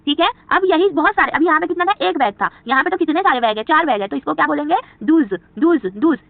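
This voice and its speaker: Woman teacher, Hindi accent, quick repetitive quizzing, high voice, dry tinny phone-like sound. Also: expressive, gravelly, no echo. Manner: repetitive quizzing, answers her own questions. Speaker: English teacher. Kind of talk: beginner spoken English lesson.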